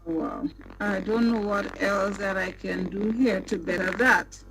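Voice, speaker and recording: A woman journalist asking questions at a press briefing over a remote call, her voice distorted with background noise, speaking haltingly with many fillers. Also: medium pitch, fairly even intonation, a bit bright. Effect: distorted remote call audio with background noise.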